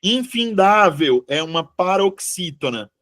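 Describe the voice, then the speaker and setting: Chatty Brazilian teacher, slow and high. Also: male voice, sing-song, fairly bright tone. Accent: Brazilian Portuguese. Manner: chatty, checks in with the class often. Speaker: exam-prep teacher. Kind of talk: live online class.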